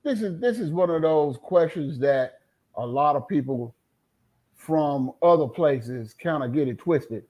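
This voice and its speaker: A man's voice: a little high, lively intonation, a little slow. A man from North Carolina, a guest in a casual interview, telling stories in a boastful, humorous way. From North Carolina, United States. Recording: dull lo-fi audio.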